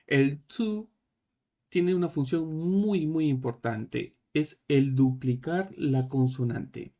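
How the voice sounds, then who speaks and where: Guy teaching japanese to beginners, talks slow, keeps asking ¿no? ¿sí?. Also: mid-range voice, warm tone. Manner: slow, repetitive, checking in with "¿no?" and "¿sí?". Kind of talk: classroom lesson.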